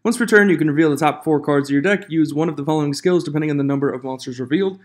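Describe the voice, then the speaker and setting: A man's voice: on the high side, racing. A man hosting an informal, opinionated card game commentary for viewers, his voice echoing in a reverberant room on a makeshift microphone. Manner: informal, opinionated, reads card text aloud. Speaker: YouTube host of a trading card game channel. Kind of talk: casual news commentary to viewers. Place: echoing room outside the usual studio.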